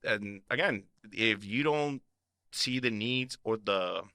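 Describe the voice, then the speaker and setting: A man from Puerto Rico who grew up in Florida co-hosts a podcast, his voice pitched low but very bright and forceful. He talks earnestly and keeps restarting and repeating words. The sound is dry and close to the mic. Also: takes it slowly, dry recording. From Puerto Rico, raised in Florida. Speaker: podcast co-host. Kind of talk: conversational advocacy discussion.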